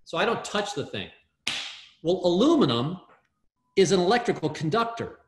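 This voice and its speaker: A man, a guest in an interview, telling a story in an animated way with many fillers and restarts over a video call. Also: high-pitched, moderate pace, noisy background. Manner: excitable, lots of fillers and restarts. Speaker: guest, startup hardware builder. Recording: roomy echo.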